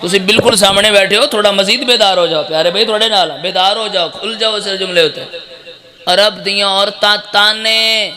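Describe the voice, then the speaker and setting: A man's voice: sits high, pushed and bright. A man with a Punjabi accent giving an impassioned majlis sermon, breaking into sung lines and urging the gathering to respond. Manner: impassioned, urges the crowd to respond. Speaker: zakir, religious orator. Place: live gathering hall.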